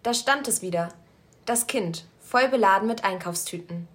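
A woman narrating a story aloud in a calm, measured storytelling voice. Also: mid-range voice. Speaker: story reader.

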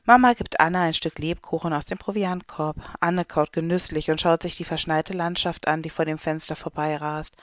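A narrator reading a children's story aloud in a calm, clear way. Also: mid-range voice, moderate pace, hardly any pauses, dry recording, clean studio sound. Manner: calm, clear read-aloud delivery with light voices for characters.

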